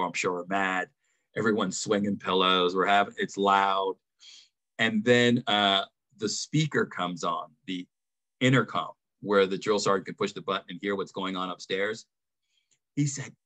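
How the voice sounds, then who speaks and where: A man's voice: sits low, a bit bright. A man, an army veteran, casually telling a story from his service in a conversational way with chuckles between lines.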